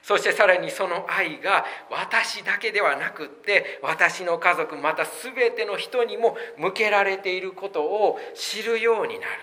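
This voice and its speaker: Delivering a sermon, a male pastor speaks in a bright, forceful voice pitched slightly high, emphatically pressing his points and putting rhetorical questions to the congregation. He is unhurried and barely pauses.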